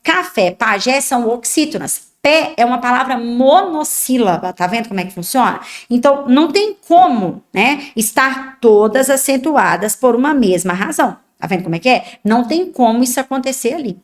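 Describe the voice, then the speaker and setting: A woman's voice: fairly high pitch, animated, moderate pace, hardly any pauses. Brazilian woman teaching, asking "tá?". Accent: Brazilian Portuguese. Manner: explanatory, many tag questions. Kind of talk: exam prep lesson. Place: online class video.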